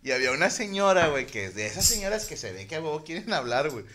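A man's voice: a little high, very animated, rapid-fire, bright, forceful tone. A man with a Mexican Spanish accent, co-hosting a podcast, telling a profane, laughing story in casual chat among friends. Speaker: podcast co-host.

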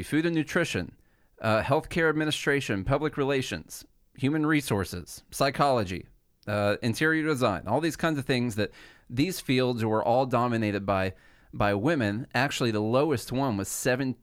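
A man at a mid-pitched, ordinary register talks through a point in casual podcast conversation, laying out figures one at a time. He sounds measured and explanatory. The recording is dry and close, with no room sound around him. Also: no echo. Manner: measured, explanatory, walks through statistics step by step.

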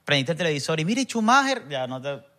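A man's voice: fairly high pitch, sing-song, fast, bright, forceful tone. A man, guest musician on a podcast, talking in a rambling, reflective way and often checking that he is understood. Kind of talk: casual podcast chat.

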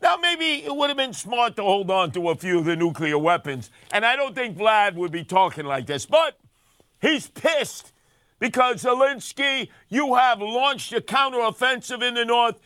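A man's voice: high-pitched, expressive, measured pace, pushed and bright, clear, resonant tone, no room sound, clean studio sound. An older man, delivering a brash, sarcastic comic talk radio monologue as host.

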